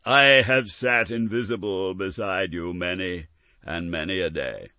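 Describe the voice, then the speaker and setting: A tormented chained spectre, put on by a man reading a storybook, who wails in slow, drawn-out cries. The voice climbs well above the reader's own. It sounds bright, dry and a little dull. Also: deep voice, no echo, voice pushed up, heavily acted. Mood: solemn. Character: wailing chained male ghost, anguished and solemn.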